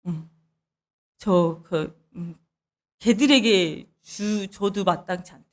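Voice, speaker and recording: A woman preaching a midweek church sermon, earnest and expressive, who acts out pleading prayers as she teaches. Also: mid-range voice, slow.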